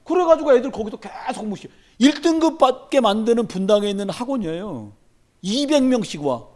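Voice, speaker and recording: Pastor guy preaching, high voice, swings up and down a lot, punchy and jokey. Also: brisk. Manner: animated, emphatic, storytelling with humor. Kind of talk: sermon. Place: church sanctuary during a midweek service.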